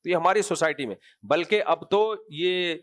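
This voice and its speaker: Animated man giving a fairly high-pitched lecture. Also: dry recording. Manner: animated, conversational, sarcastic asides. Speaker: mufti giving Quran commentary. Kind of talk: sermon-style lecture.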